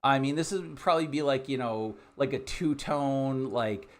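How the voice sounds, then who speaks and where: A man with a medium-pitched voice acts as game master. He improvises his narration casually, halting and pausing as he builds each scene. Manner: halting, conversational, many trailing pauses.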